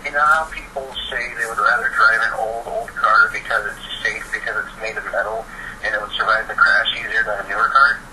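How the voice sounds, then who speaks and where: Eagerly sharing his opinions in a casual phone chat, a man in his teens or young adulthood uses a sharp, lowish voice with fairly even intonation at a fairly quick clip. The audio is a noisy, distant call recording.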